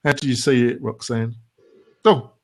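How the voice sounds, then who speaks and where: A man's voice: medium pitch, steady tone, moderate pace. An English man hosting a casual panel discussion, asking questions with lots of ums and dry sarcasm. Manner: sardonic, filler-heavy questioning. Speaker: host.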